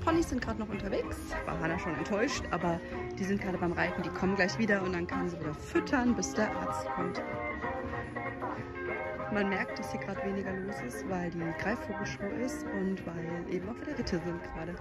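A woman's voice: medium pitch, brisk, over loud music. A woman in her thirties chatting casually as she walks and films a holiday park tour on her phone. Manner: chatty, upbeat, filming while walking. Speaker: vlogger. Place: outdoor holiday park and indoor restaurant. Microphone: handheld phone camera.

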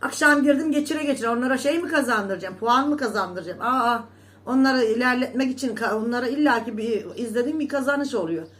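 A woman's voice: on the high side, expressive, fairly quick, fairly bright tone. A woman vlogger in a casual monologue to her viewers, scolding and indignant, repeating herself with emphatic oaths.

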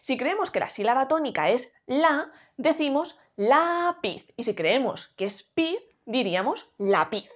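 A woman teaching a grammar lesson, slowly spelling out syllables. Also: high voice, very animated. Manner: clear, drawn-out syllables for teaching. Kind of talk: explaining a Spanish grammar lesson. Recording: dull lo-fi sound.

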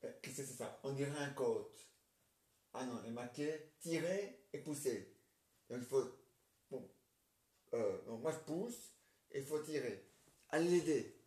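Speaking a little slowly with long pauses, this man has a medium-pitched, dark-toned voice with lively intonation. He plays all the parts of a homemade play he wrote, hesitating and rambling with many filler tags, in a roomy home space full of echo.

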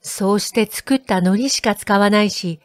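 Woman narrator, audiobook, calm measured read, dry close sound. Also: mid-range voice, no echo. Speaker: audiobook reader.

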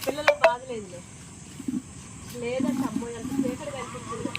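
A woman chatting casually outdoors while feeding puppies, scolding them in a lively way. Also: fairly high pitch, fairly quick, very noisy. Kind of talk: casual family chat. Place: outdoors by a road at night.

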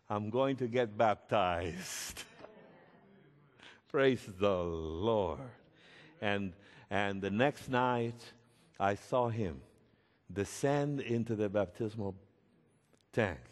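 A man preaching a sermon as a pastor, telling a story slowly and emphatically and rising to shouts at its peaks. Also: fairly low pitch. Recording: echoey hall with long reverb.

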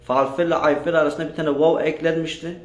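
A man's voice: a little high, level tone, fast. A man teaching a grammar lesson, drilling his students with questions and repeating their answers. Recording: echoey room.

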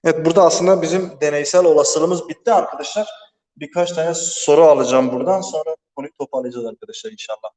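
A man's voice: fairly high pitch, fast, mellow. A man teaching a math lesson alone in a large empty classroom, explaining step by step and checking in with his students, his voice echoing heavily off the walls. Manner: patient step-by-step explaining, keeps asking "right, friends?". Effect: strong echo of a big empty room. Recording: echoey empty hall.

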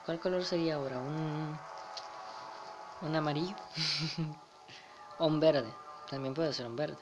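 A man's voice: on the high side, fairly even intonation, takes it slowly, music in the background. A young man with a Spain Spanish accent commenting casually over a game, chuckling and reading the dialogue aloud. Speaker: gamer. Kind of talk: let's play commentary.

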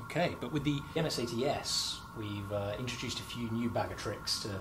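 This young man is a marketing host conducting a corporate product interview indoors in a company lab, where he stands. His mid-range voice is brisk, and his delivery is upbeat and chatty with lots of fillers. Background noise from the lab is present.

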